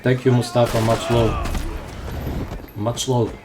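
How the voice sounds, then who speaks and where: This Croatian native speaker narrates his speedrun live in a medium-pitched, flat, unhurried voice, explaining each step casually and with self-deprecating humor. The background is noisy with game sounds and gunfire.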